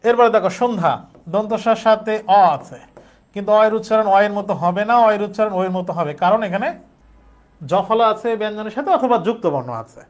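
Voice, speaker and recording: A man's voice: high voice, fast talker. A young man teaching an exam-prep grammar lesson, explaining step by step and repeating words aloud.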